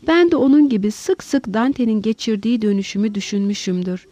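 A woman reading a novel aloud, narrating and voicing several men in dialogue with lively expression. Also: medium pitch, fairly quick, no echo. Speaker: audiobook narrator. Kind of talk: scripted novel narration with character voices.

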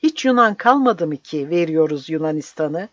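A narrator voicing a frail, fearful old village healer who shouts agitated questions. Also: mid-range voice, lively intonation, moderate pace, dry recording, muffled recording, close to an everyday voice.

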